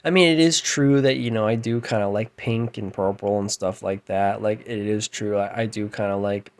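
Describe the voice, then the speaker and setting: A man in his thirties with a light, androgynous, rather low voice rants at home late at night, rambling and running himself down. The musician and vlogger speaks to camera in a steady tone at a moderate pace, mostly keeping quiet, then flaring up loudly before trailing off again.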